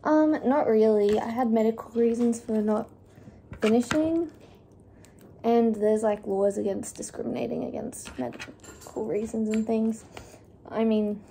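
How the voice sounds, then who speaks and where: A young Australian woman vlogger chats casually while cooking in her home kitchen, filling her speech with fillers. Her voice is on the high side and dark, with vocal fry. The cook-along was captured on a phone camera set on the counter, leaving a little hiss or hum.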